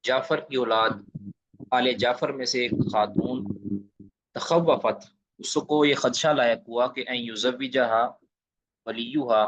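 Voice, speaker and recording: A man's voice: mid-range voice, fairly even intonation, long pauses, a bit bright, no room sound. A man from Pakistan gives an online Islamic studies lecture, explaining each Arabic phrase and repeating the key points with emphasis. His voice sits in an ordinary middle register. The sound comes through a dull, lo-fi call that is dry and close. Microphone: video call. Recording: dull lo-fi online class audio.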